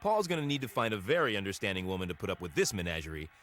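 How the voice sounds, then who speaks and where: A man's voice: lowish voice, sing-song, rapid-fire, fairly bright tone, a little hiss or hum. A man hosting and narrating a TV show in a scripted, playful, wry way. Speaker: host.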